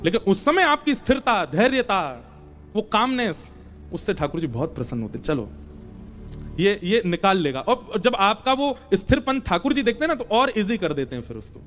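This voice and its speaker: A man's voice: high voice, sing-song, moderate pace, a bit bright, soft background music. A man giving a devotional katha sermon as a spiritual storyteller, acting out the dialogue of the figures in his story.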